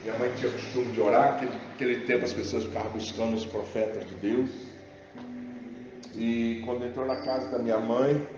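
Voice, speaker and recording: A man from Rio de Janeiro preaching a sermon in an animated, jokey way, calling out to his congregation. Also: medium pitch, a little fast, noisy background. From Rio de Janeiro, Brazil. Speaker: pastor. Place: large church hall. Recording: roomy church hall, dull sound with music.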